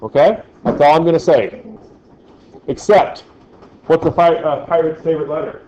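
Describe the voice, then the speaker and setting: A fairly high-pitched male teacher lectures at a moderate pace with a crowd audible behind him. Jokey in manner, he often checks in with "right?", and the classroom recording is echoey, dull, and lo-fi.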